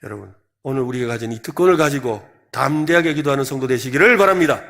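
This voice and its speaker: A man's voice: mid-range voice, fast, vocal fry, a bit bright. A man with a Gyeongsang Korean accent preaching a sermon as senior pastor at a church service, quizzing the congregation with repeated questions.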